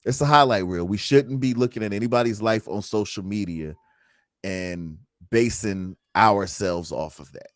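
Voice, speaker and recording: A man's voice: on the low side, moderate pace, no echo, clean studio sound. A man hosting a casual livestream talk, earnest and reflective, reading viewer comments aloud. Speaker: host.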